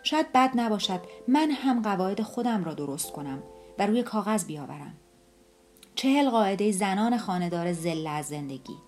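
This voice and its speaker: A woman voicing a weary, unhappy middle-aged housewife who speaks in a halting, apologetic way, with faint music behind. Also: mid-range voice, expressive, a little mellow, lightly acted. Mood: musing.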